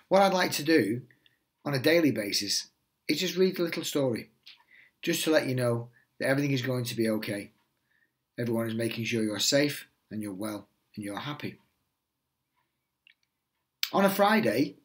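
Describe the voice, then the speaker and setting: Reading aloud from a picture book for a group of small children, this middle-aged man, a headteacher, sounds expressive and comforting. His pitch is medium.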